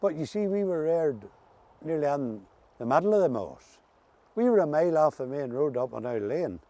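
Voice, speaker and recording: A man's voice: on the high side, animated, normal speed, dark tone. A man with an Ulster Scots accent, chatting casually and reminiscing in folksy dialect as an interview guest. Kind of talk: casual reminiscing chat about local dialect words.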